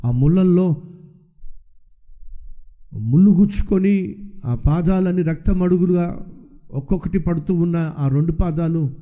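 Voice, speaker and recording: A man's voice: on the high side, measured pace, pauses often, mellow, pitched below the performer's own voice, lightly acted. A man voicing a poor, suffering man who pleads and questions God in a sermon story. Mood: pleading.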